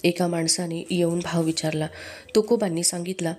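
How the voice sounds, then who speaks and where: A woman reading a book aloud in a steady, measured narration. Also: fairly low pitch. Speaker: book reader.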